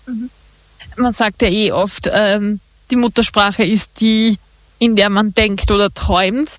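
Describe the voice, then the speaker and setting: A woman's voice: medium pitch, steady tone, unhurried, dry recording. A woman radio presenter asking a guest friendly interview questions, with a few fillers as she goes.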